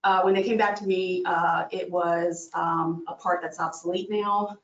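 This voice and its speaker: Low-pitched female staffer, halting explainer, distant in a dull hall. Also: fairly even intonation, a bit bright. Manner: explanatory, with frequent fillers. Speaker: maintenance department staff. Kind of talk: presenting a request at a public meeting. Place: county meeting room. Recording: distant, echoey, dull room audio.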